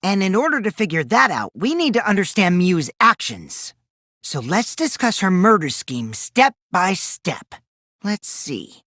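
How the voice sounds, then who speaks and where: A male actor voices a mischievous teen boy for an anime game dub, playing a gleeful liar whose theatrical teasing and taunting shift between singsong mockery and sly menace. The exaggerated voice is high-pitched and fairly bright. It's studio-quality audio with no echo.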